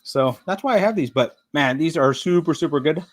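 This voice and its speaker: A man's voice: fairly high pitch, animated, a little fast. A middle-aged man hosting a live stream, chatting casually and rambling with frequent fillers, sometimes talking while eating. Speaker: livestream host.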